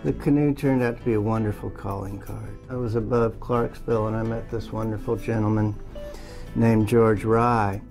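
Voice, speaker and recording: A man in his sixties, a photographer, speaking thoughtfully in an interview, pausing and restarting as he reflects. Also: on the low side, steady tone, vocal fry, a little mellow. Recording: interview with music bed behind.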